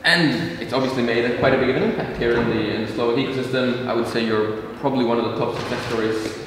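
A relaxed, chatty man hosts an onstage chat in a university lecture hall. His voice sits at an ordinary pitch and comes from some distance, with a long, roomy echo and a faint hiss behind it. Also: fast talker. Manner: relaxed, chatty, with fillers and laughs. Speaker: event host and interviewer. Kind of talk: hosting a fireside chat. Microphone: far camera, seated on a desk. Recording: echoey hall heard from afar.

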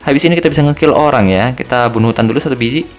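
A man's voice: mid-range voice, rapid-fire, soft background music. A young man gives casual, joking commentary over a mobile game, tacking little tag words onto his phrases. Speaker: gaming video host.

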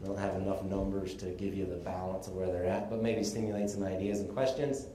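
A man from Texas gives a casual conference presentation, explaining things in a relaxed way with the odd chuckle. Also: deep voice, brisk, a little hiss or hum. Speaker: conference speaker on sheep breeding. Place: conference room. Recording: echoey conference room, faint ambience.

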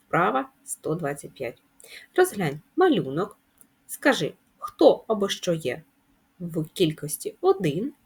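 A woman teacher giving a lesson to young schoolchildren, explaining patiently and clearly. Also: medium pitch. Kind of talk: video lesson for children.

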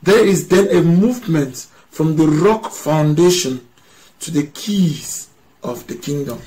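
Slow, deliberate priest giving a homily. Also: male voice, on the high side, a little mellow, rough recording. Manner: slow, deliberate preaching, stressing key phrases. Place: small indoor room.

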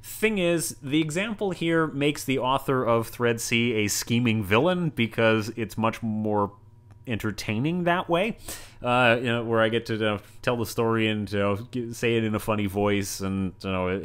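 A man's voice: medium pitch, fairly bright tone. A male university lecturer giving a recorded lecture, rambling along with many asides and everyday analogies.

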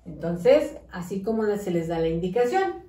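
A woman teacher gives a slow, patient lesson on handwriting and letters to parents and small children. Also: fairly low pitch, big pitch swings, warm tone. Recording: roomy echo, voice from a distance.

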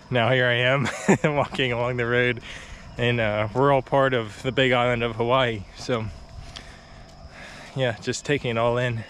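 A young guy talks to his camera, a phone or action cam held at arm's length, while walking uphill on a quiet rural road, a bit winded, with faint bugs in the background. His mid-range voice is a little slow, easygoing and chatty with many fillers and short laughs. This casual vlog carries a little hiss or hum.

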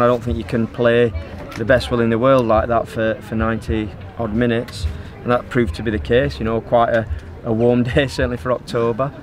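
A middle-aged man, a football manager, answering post-match questions in a measured way, full of fillers, interviewed outdoors on a pitch. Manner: measured, even and level, with frequent fillers. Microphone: handheld phone held by interviewer. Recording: outdoor pitch with crowd noise behind. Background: crowd noise.

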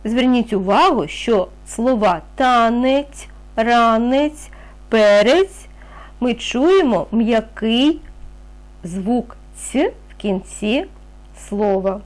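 A woman's voice: fairly high pitch, drawn-out words. A woman teaching a reading lesson to young children, patient and encouraging, asking questions and answering them herself. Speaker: primary school teacher.

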